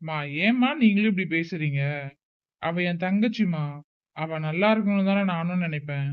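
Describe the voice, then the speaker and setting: A man's voice: high-pitched, moderate pace, clear, resonant tone, lightly acted. A man playing a strict, protective older brother who scolds his sister with a raised voice. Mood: explaining, defensive. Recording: tinny phone-like recording.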